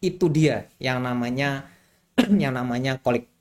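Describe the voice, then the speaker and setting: A man, a doctor, explaining things in a casual, chatty way, animated and often repeating key words. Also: mid-range voice, a little slow. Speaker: doctor explaining infant health.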